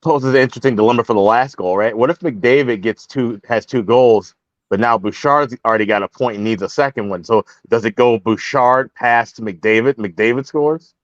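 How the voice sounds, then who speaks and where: A man co-hosting a sports betting podcast, chatting in a relaxed, joking way with restarts. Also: mid-range voice, normal speed, no echo, dull audio. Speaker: podcast co-host. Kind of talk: casual betting talk.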